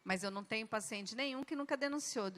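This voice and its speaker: A woman stands in the pulpit of a large church hall as a guest, sharing her personal testimony emphatically and dramatically, with abrupt changes in pace. Her voice is on the high side, somewhat bright and fast, and long reverb from the hall trails her words.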